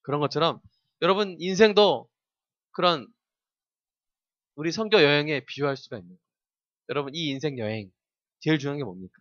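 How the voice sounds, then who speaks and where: A man's voice: fairly high pitch, fairly quick, long pauses, a bit bright, no room sound, muffled recording. A male pastor preaching a sermon to young people, constantly putting questions to the congregation and prompting them to answer. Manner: keeps asking the congregation questions and leading call-and-response.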